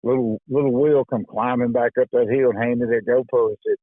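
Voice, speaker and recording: A man's voice: mid-range voice, fairly even intonation, fairly quick, no echo. A man telling a hunting story in a folksy, easy-going voice-over. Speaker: hunting show host. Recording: dry, phone-like thin sound.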